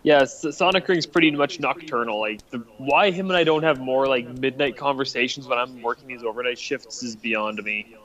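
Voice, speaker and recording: Male co-host, mid-pitched, relaxed, laughs through his lines. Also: moderate pace, muffled recording. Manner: laughs mid-sentence, easygoing. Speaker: podcast co-host. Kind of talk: casual late-night chat.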